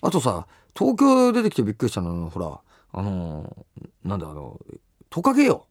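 A middle-aged man, a musician, chatting casually and telling stories in an animated way, acting out the lines of people he quotes. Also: lowish voice, moderate pace, no room sound, clean studio sound. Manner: animated storyteller who acts out quoted exchanges. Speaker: musician and show host. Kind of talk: casual chat.

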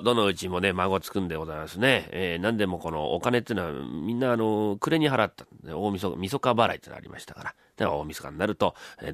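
A man's voice: low-pitched, fairly bright tone, dry recording, studio quality. A man, a rakugo storyteller and radio co-host, narrating in polite, formal phrasing.

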